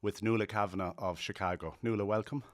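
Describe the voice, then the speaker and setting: A man's voice: fairly low pitch, steady tone, fast, no room sound, studio quality. A man with a west of Ireland accent, interviewing conversationally as a podcast host. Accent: Irish, west of Ireland. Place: podcast studio.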